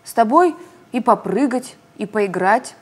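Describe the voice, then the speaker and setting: A woman's voice: a little high, animated, unhurried, darkish tone, husky. A woman voicing a small, boastful frog who claims to be a dog, in a storybook reading.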